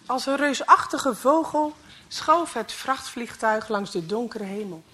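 Woman storyteller, slow dramatic read-aloud, fairly high voice. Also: expressive, sharp tone. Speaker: story reader.

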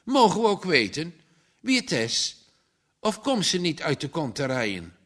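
A man's voice: a little high, huge pitch swings, a little slow, fairly bright tone, full character voice. A man voicing a flustered old father. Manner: hesitant, flustered. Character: hesitant elderly father.

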